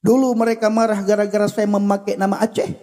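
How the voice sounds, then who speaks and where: A man's voice: sits high, level tone, fast talker, dark tone, in a large hall. A man preaching on a livestream, speaking emphatically in a repetitive cadence and addressing his audience directly. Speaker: evangelist livestream host.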